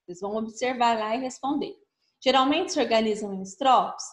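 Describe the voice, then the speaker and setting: A slightly high-voiced woman teaching young children, reading words slowly and stretching every syllable. She patiently repeats each question in simpler words. Her voice rings in a roomy, echoing space. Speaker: primary school teacher. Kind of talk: remote lesson walking through a workbook. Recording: echoey room.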